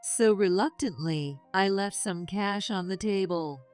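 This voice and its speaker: A middle-aged woman calmly narrating a first-person story in a measured, confessional way. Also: mid-range voice. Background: faint music.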